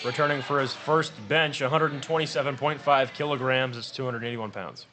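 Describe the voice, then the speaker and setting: A man announcing lifters and weights at a powerlifting meet, talking fast and tripping over numbers. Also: mid-range voice, steady tone, sharp tone, soft background music. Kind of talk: live announcing. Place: powerlifting gym.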